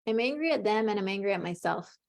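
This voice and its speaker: A fast-talking woman with a mid-range voice and vocal fry coaches a client through an EFT tapping session. Calm and encouraging all the way, she announces the tapping points and gives short phrases for the client to echo.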